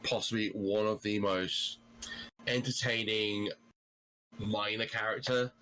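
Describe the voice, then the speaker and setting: Lower-voiced man, blunt and sweary. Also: steady tone, slow, sharp tone, rough recording. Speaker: podcast guest. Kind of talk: casual chat.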